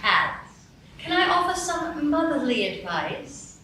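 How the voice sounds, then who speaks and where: Stage radio play: woman as a cryptic, dismissive Duchess, high, slow and bright voice, echoey hall. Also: very animated, slight background noise, heavily acted. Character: brusque, cryptic noblewoman, the Duchess. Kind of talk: live radio play acting. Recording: echoey hall, distant mic.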